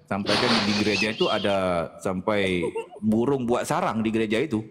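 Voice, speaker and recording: A man telling a funny story in an animated way, often laughing through his words. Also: on the low side, moderate pace. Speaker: guest speaker. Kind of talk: humorous storytelling. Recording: noisy recording.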